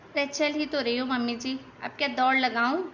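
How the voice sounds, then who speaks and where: A woman's voice: sits high, fairly even intonation, fairly quick, a bit bright, dull audio, slight background noise. A woman doing a gossipy young daughter-in-law. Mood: defensive. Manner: chatty, complaining, defensive. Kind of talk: cartoon voice acting.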